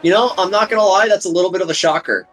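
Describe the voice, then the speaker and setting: Excitable male sim racing commentator. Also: high voice, racing, poor audio. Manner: excitable, jokey, rising to shouts at incidents. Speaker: race commentator.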